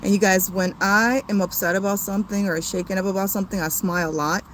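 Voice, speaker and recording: A woman in her thirties on a livestream, tearful and halting, with many fillers and restarts. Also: mid-range voice, steady tone, a bit bright, a little hiss or hum. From came to the US as a child. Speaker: family channel host. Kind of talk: emotional livestream talk.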